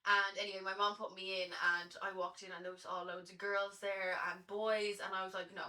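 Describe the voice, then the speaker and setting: A young Irish woman in her early twenties, a guest chatting casually about her life on a podcast in a lively, chatty way with lots of fillers. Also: medium pitch, fairly quick, recorded from a distance. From Ireland. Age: early 20s. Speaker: guest, Latin dancer.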